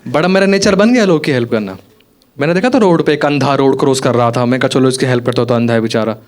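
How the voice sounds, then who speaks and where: A man's voice: mid-range voice, fast talker. A young man performing a stand-up comedy set on stage, telling stories in a conversational way and acting out the dialogue. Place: comedy theatre stage with live audience. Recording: live venue with loud audience noise. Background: audience laughter.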